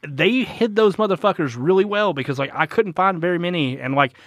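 A man's voice: high voice, brisk, a bit bright, no echo. Dry-miked man rambling casually. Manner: rambling, heavy filler words and swearing. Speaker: podcast co-host. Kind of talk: casual chat.

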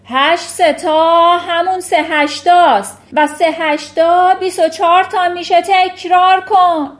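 A woman's voice: very high voice, voice pushed up. A woman reading a children's storybook aloud, voicing a furious, bullying headmistress who roars insults and barks commands. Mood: raging. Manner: roaring insults, barking commands.

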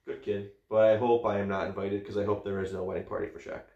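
A man with a fairly low voice talks in a blunt, profane and jokey way. He is answering questions in a casual podcast chat. The sound bounces around an echoey room. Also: level tone, fast, vocal fry, mellow, dull audio.

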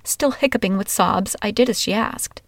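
A woman's voice: medium pitch, normal speed, no room sound. Casting: woman narrator, first-person memoir read, wry and candid, dry close sound. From Washington, USA.

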